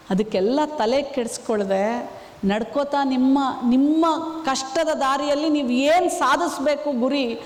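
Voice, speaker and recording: A woman speaks in a high voice, giving earnest advice to women. She keeps asking her listeners rhetorical questions. The room is echoey, with a long reverb trailing each phrase. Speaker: women's rights activist. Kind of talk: motivational interview talk.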